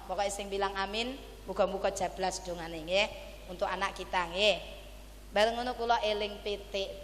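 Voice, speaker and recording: A woman preacher with an East Javanese accent gives a lively sermon at a graduation ceremony, often calling on the audience to answer her. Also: mid-range voice, in a large hall, slight background noise. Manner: animated, keeps asking the audience to answer.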